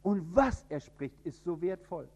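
A man from northern Germany with a standard High German accent, preaching an emphatic sermon. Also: lively intonation, measured pace, slightly rough. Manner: emphatic, with sudden rises in pitch and loudness.

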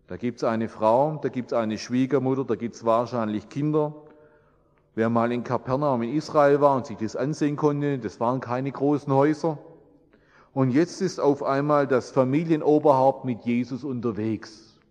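A man's voice: mid-range voice, fairly even intonation, normal speed, a little mellow. Man, earnest sermon, repetitive cadence, reverberant church, dull lo-fi sound. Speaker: preacher. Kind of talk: sermon with prayer.

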